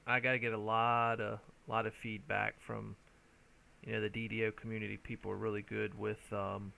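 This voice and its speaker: A man's voice: lowish voice, completely flat delivery, normal speed, vocal fry, sharp tone. A tired man streaming a game, rambling and thinking aloud with restarts and hums as he plays. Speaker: streamer playing an online game. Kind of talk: casual gameplay commentary.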